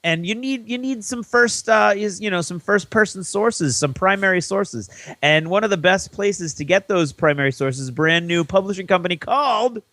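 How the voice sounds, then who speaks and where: Male co-host, high voice, playful banter, dry studio sound. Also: normal speed, hardly any pauses, pushed and bright, no room sound. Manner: playful, wry. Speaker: podcast co-host. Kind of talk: casual podcast banter.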